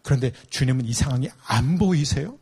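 A man's voice: high-pitched, big pitch swings, moderate pace, a little mellow, voice pushed up, exaggerated voice. A man voicing an indignant, overworked woman who pleads and complains to her lord in rising questions. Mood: aggrieved.

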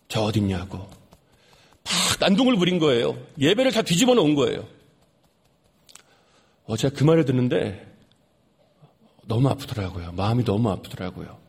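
Earnest husky man telling a testimony. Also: fairly high pitch. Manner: earnest, repeats lines for emphasis, drops soft on sad moments. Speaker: preacher giving testimony. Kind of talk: sermon testimony storytelling.

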